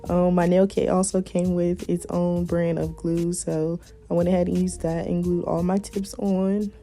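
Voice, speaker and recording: A young woman in her twenties talks through a nail tutorial in a relaxed, chatty way, her voice hoarse from illness and low in pitch. There is a gravelly fry to her speech and a mellow, dark tone. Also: normal speed, soft background music. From South Carolina, US. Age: 20s. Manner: chatty and laid-back, with soft laughs and fillers. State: hoarse from being sick. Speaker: beauty vlogger. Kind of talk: casual nail tutorial voice-over.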